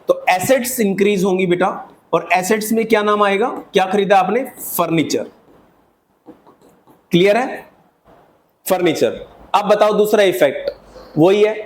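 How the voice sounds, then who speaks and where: A man's voice: high-pitched, darkish tone. A male accountancy teacher giving a classroom lecture, asking his students questions, answering them himself, and calling them "beta" as he mixes English accounting terms into his talk.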